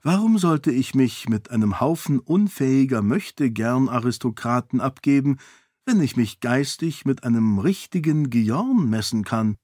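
A man voicing a clever young princess who speaks in a hushed, wry way. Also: medium pitch, lively intonation, measured pace, no echo, clean studio sound. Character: clever young princess, sharp-witted and sly.

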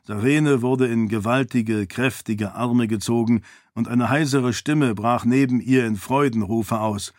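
A man narrating a fantasy audiobook in a steady, clear storytelling manner. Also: medium pitch, a little slow, dry recording, clean studio sound.

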